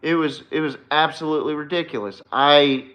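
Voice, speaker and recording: Hosting a football podcast on his own, a man offers casual, opinionated commentary, blunt and emphatic and full of swearing. His voice sits fairly high and moves fairly quickly, and the recording sounds dull and lo-fi.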